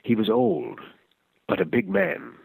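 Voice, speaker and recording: A man reading a first-person short story aloud in a measured, reflective way. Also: a little high, very animated, creaky, a little mellow, husky, no echo, low-quality recording. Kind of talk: scripted story narration.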